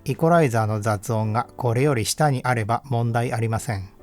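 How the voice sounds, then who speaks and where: A man giving calm, measured, scripted narration that explains equipment test results step by step. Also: mid-range voice, faint music behind. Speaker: audio equipment reviewer. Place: voice-over.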